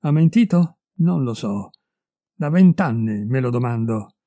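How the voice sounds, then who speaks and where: A furious, betrayed middle-aged husband, put on by a male reader hurls accusations at his wife and her lover. His voice climbs with anger over a very dark, mellow base. The storybook recording is dry and close. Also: mid-range voice, expressive, unhurried, dry recording. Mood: furious, accusing. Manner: raised, heated and accusing.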